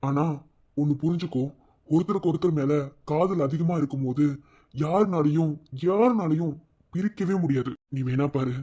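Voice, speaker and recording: A man with a Madurai Tamil accent voicing a young husband in a cartoon, who soothes his wife and his mother in a soft, reassuring way. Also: a little high, moderate pace, natural voice. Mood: soothing. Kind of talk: cartoon voice acting.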